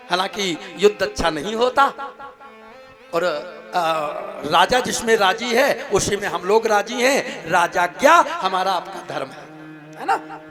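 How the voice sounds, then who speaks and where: A male preacher giving an emphatic religious discourse on stage, with rhetorical questions, then leading slow devotional singing. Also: high-pitched. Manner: emphatic, rhetorical questions, sings kirtan slowly. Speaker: kathavachak preacher. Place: outdoor religious gathering stage. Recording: live stage audio with music behind. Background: devotional music.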